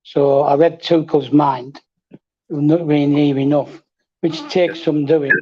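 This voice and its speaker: A man on a football fan panel, speaking in a relaxed, wry way. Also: fairly high pitch, slow pace. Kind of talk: casual fan chat. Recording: dull lo-fi audio.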